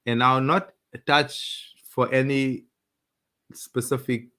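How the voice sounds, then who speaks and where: A man in an easygoing live chat with his wife. He speaks at a middle pitch, stalls and restarts his sentences, and chuckles between thoughts as he addresses the audience. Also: little pitch movement, bright, forceful tone, smooth. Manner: halting, many restarts, chuckling. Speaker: co-host of a couple's live talk.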